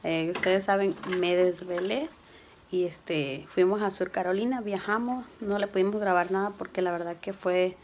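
Hoarse female home vlogger, chatty and affectionate, phone-recorded with background noise. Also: on the low side, fairly even intonation, normal speed, darkish tone. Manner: chatty, affectionate, coaxing with her child. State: slightly hoarse. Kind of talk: casual home vlog.

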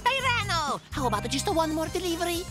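A bustling cartoon shop boss with a high, lively voice. The manner is breezy and coaxing, with music playing behind. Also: female voice, brisk. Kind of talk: animated cartoon voice acting.

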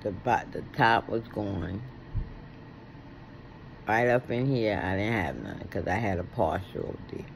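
Slow, gravelly toothless American man. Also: on the low side, expressive, slight background noise, low-quality recording. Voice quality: toothless, soft-edged articulation. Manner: halting, with long pauses. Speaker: video blogger. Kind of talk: casual chat to camera. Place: indoors at home, reclining. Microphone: phone at arm's length.

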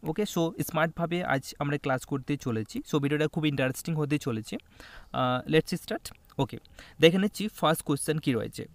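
A man's voice: a little high, normal speed. A young man teaching an exam-prep English grammar lesson, coaxing his students and checking in often. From West Bengal, India.

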